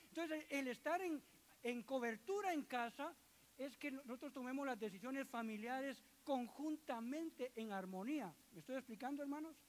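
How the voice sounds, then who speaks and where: A man's voice: very high-pitched, moderate pace. A middle-aged man, preaching a sermon to his congregation as a church elder, joking with the listeners and acting out quoted voices.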